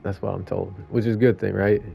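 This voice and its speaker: A man's voice: lowish voice, flat delivery, fast talker, gravelly. A man streaming a game, giving rambling, chatty commentary and laughing at himself. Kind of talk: casual gameplay commentary. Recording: muffled lo-fi audio, faint game music.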